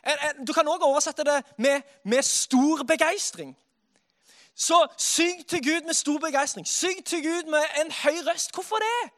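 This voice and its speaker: A man preaching a sermon in a lively way, dropping soft and then rising to loud exclamations. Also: extremely high pitch.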